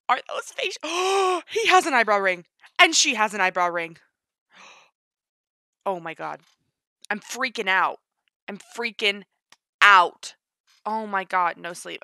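A woman reacting to a game trailer, gushing and excitable, gasping often. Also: medium pitch, no echo, clean studio sound. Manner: gushing, excitable, frequent gasps. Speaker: gaming youtuber. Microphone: home desk mic, no face cam.

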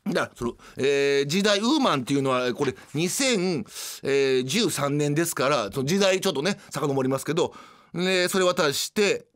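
A man's voice: a little high, animated, moderate pace, fairly bright tone. A man with a Kansai accent, hosting a radio show and animatedly retelling scenes in casual storytelling. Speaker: radio host.

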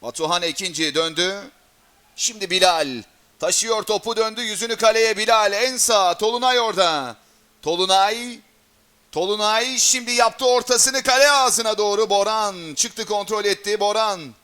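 A man giving excited live play-by-play football commentary, rising to shouts and screams at goals and chances. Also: high-pitched, normal speed.

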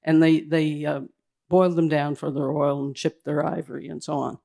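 A man giving a slide presentation at a public event indoors, talking in a hurried, halting way that keeps restarting its phrases. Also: on the high side, level tone, gravelly, mellow. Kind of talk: slide presentation to a live audience.

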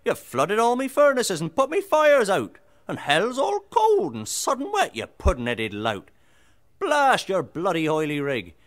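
A man voicing an indignant male devil who rants in a high, strained shout. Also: wildly swooping pitch, unhurried, heavily acted. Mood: furious.

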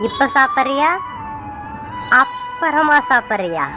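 A woman with a Tamil accent voicing a devoted young husband in a cartoon, talking softly and affectionately. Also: sits high, animated, slow pace, music in the background. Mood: tender. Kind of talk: cartoon voice dubbing.

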